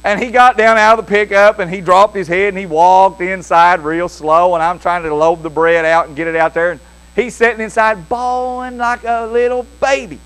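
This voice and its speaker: Older pastor, man, high tenor, folksy jokey storyteller in the pulpit. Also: normal speed, smooth, low-quality recording. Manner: homespun, jokey, lively delivery.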